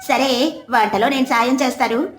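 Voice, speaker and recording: An outspoken neighbor woman speaks bluntly in a raised, teasing voice, as a woman acts her out. The storybook recording is roomy. Soft music plays underneath. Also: sits high, moderate pace, close to an everyday voice. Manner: direct, teasing.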